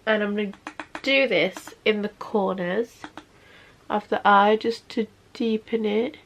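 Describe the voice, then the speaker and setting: Her voice is mid-range, steady, slow and creaky. She is a sniffly makeup vlogger in her 20s, sitting on her bed and casually chatting through a tutorial while she keeps saying "obviously."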